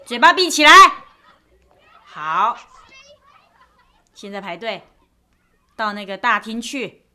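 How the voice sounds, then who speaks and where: A bossy orphanage nanny. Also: female voice, medium pitch, takes it slowly, pushed and bright. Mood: stern. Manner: bossy, curt orders. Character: strict orphanage nanny herding children.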